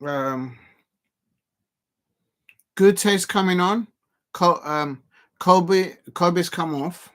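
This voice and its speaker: His voice is high, his delivery very slow with long pauses, as this Colombian man hosts a live football watch-along. He chats casually over the match, full of fillers and restarts, erupting now and then in sudden excitement.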